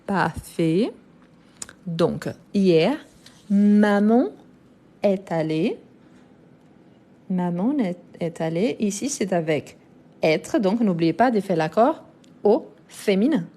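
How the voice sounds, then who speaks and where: A woman teacher of mixed French and Brazilian background walks her viewers through verb tenses at a slow, careful pace, pausing often on fillers as she works through each example. Her voice sits at an ordinary middle pitch for a woman. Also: expressive, mellow. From France and Brazil. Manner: slow, deliberate, explanatory with many fillers. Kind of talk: live online grammar lesson.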